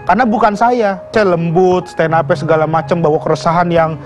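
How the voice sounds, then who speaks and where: Young man from Bima, high excited voice. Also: fairly quick, faint music behind. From Bima, Indonesia. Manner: chatty, addresses the host as "Om", bursts into excited yelps. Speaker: stand-up comedian guest. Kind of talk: casual talk-show storytelling.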